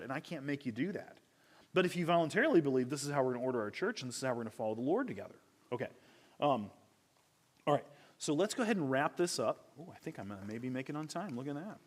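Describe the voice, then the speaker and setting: Conversational man teaching a church class. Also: a little high. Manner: conversational, self-correcting, rhetorical questions. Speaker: Bible teacher.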